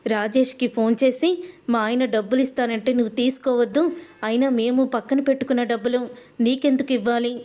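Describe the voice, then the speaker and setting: A woman's voice: fairly high pitch, steady tone, fairly quick, mellow, close to an everyday voice. A woman voicing a spiteful, scheming mother-in-law in a serial recap, her delivery insistent and needling.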